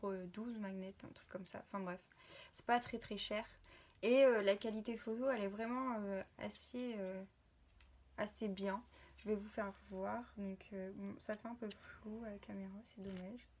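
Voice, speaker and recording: A young woman chatting to her camera in a relaxed vlog, sharing gift ideas. She talks informally and hesitates a lot, filling the gaps and circling back to restart her sentences. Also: mid-range voice, slight background noise. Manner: hesitant, many filler sounds and restarts. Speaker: vlogger. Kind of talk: casual gift-idea vlog.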